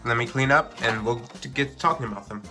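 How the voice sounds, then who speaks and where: A man's voice: medium pitch, quick pace, pushed and bright, faint music behind. A man with a stuffy, congested voice from a cold, chatting casually through a toy unboxing review with lots of filler words.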